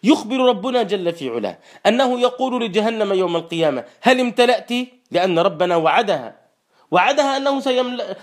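High-voiced man preaching a sermon. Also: lively intonation. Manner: slow chanted recitation of verses between quicker explanation. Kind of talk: Quranic exegesis sermon.

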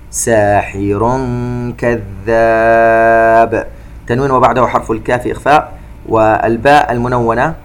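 A man teaching the rules of Quran recitation in a calm, methodical, step-by-step way. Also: medium pitch. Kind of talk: tajweed lesson, explaining rules between recited verses.

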